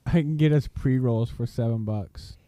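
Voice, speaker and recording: A man's voice: medium pitch, moderate pace, dark tone, dry recording. A young man co-hosting a casual podcast, laid-back and teasing as he jokes around. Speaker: co-host.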